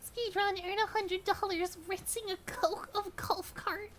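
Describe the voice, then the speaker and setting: An extremely high, cute anime girl streamer voice. She is shy and bashfully apologetic, with a sweet cutesy manner. She chats casually as she plays a game on a livestream. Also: fairly even intonation, measured pace, a bit bright, soft background music. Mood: playful, pleading. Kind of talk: casual livestream chat while gaming.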